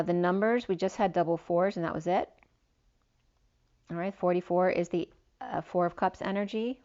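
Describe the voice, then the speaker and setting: This woman's voice is lowish and a little mellow, slightly worn because she's losing it a bit. She gives a spiritual tarot reading, wandering through lengthy card lists with fillers, captured in a dull lo-fi recording.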